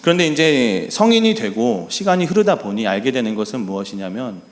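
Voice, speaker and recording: A middle-aged man preaching as a pastor, telling a personal story in an earnest way and softly acting out quoted lines. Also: mid-range voice, big pitch swings, fairly quick, gravelly. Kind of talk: sermon.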